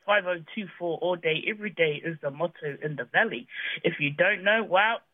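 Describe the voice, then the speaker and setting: An upbeat, fairly high-voiced man talks about his tech venture as a radio guest. His voice comes through a narrow, phone-like band, with no room sound around it. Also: a little fast, breathy edge, dry recording. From New Zealand. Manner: upbeat, laughs often, proud of his roots. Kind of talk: radio interview.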